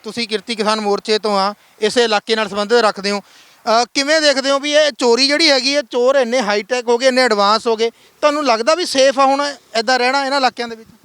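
A man reporting from the field, prompting the people he interviews with short questions and steady murmurs of agreement. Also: extremely high pitch, quick pace, clear, resonant tone, dry recording. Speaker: news reporter.

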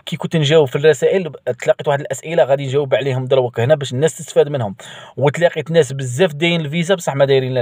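A man's voice: medium pitch, darkish tone, dry recording, clean studio sound. A man with an Algerian Arabic accent giving casual visa advice to his viewers, repeating points and calling them brothers. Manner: rapid, repetitive, addresses viewers as brothers. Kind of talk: casual direct-to-camera advice.

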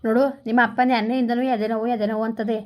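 A worried village mother, played by a woman coaxes and reproaches. Her voice stays flat and level, pitched a little high, and she talks quickly. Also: highs cut off, lightly acted. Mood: coaxing. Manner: coaxing, reproachful. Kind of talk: village comedy skit.

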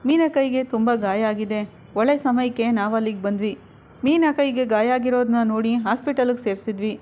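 A woman's voice: a little high, brisk, darkish tone, lightly acted. Kindly flower-seller woman, read by a woman. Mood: urgent. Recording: dull lo-fi recording.

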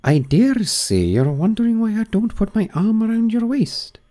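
A man voicing an ugly, chummy old noblewoman who finds a moral in everything, in a high, drawn-out, sing-song voice. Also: big pitch swings, mellow. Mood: gushing, moralizing.

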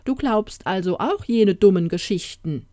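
A woman's voice: medium pitch, lively intonation, unhurried, warm tone, no echo, natural voice. A woman playing a boastful stubborn old king, haughty and scolding, storybook audiobook, dry close voice.

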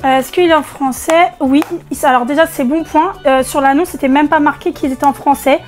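A woman unboxing video games in a casual vlog, excitable and chatty, with a strained voice she tries not to push. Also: sits high, fairly quick, soft background music. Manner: excitable, chatty, many fillers. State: strained voice, holding back from shouting. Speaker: vlogger.

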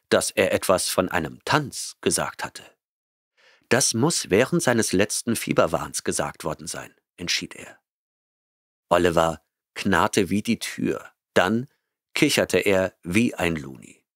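Deep-voiced male audiobook narrator. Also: no echo, clean studio sound. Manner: measured, even storytelling. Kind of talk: scripted narration.

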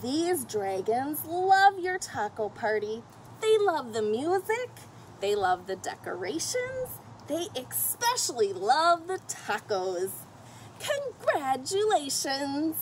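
Her voice is high-pitched and slow: a middle-aged woman sharing a picture book with children, emphatic and expressive, speaking directly to them and to the characters. The setting is a fenced patio or deck outdoors, and the nearby camera's audio has a faint hiss of noise.

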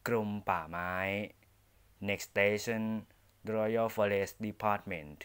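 A man reading formal onboard train announcements, in a measured, deliberate delivery. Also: fairly low pitch, fairly bright tone, clean tone. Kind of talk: prerecorded bilingual train announcements.

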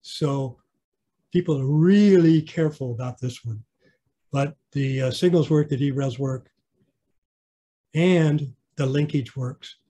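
A man's voice: medium pitch, takes it slowly, pauses often, mellow, breathy edge. A man giving a casual online slideshow clinic about his model railroad, rambling with fillers and restarts. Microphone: video call.

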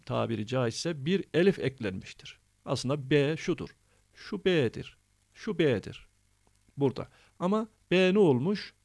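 Gravelly man drilling reading lessons. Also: fairly high pitch, a little mellow. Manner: patient, repeats rules and drills syllables. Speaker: Quran reading teacher.

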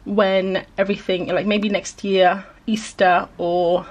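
Chatty woman, husky voice. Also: mid-range voice, flat delivery, slow. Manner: rambling, self-deprecating, with frequent "like" fillers. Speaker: illustrator answering viewer questions. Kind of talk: casual chatty vlog voice-over.

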